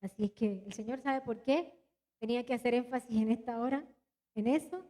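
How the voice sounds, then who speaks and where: An animated, high-voiced woman pastor from Puerto Rico talks fairly quickly and directly to her congregation. It's a live sermon with announcements in a church hall, and her accent blends Latin American Spanish with a little Puerto Rican.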